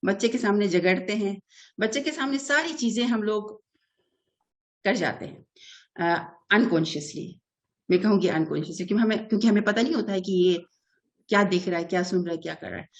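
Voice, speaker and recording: A middle-aged woman, an early childhood development expert giving an earnest interview answer that is full of English terms and short hesitations. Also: mid-range voice. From Pakistan.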